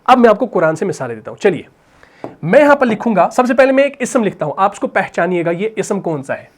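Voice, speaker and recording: Urdu grammar teacher asking himself questions. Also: male voice, sits high, very animated. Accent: Pakistani Urdu. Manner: repeats questions and answers them himself, adds "bhai" and "theek hai na"; reads Quran verses in a slow recitation. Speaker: Arabic grammar and Quran teacher. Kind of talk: explaining grammar while writing on a board.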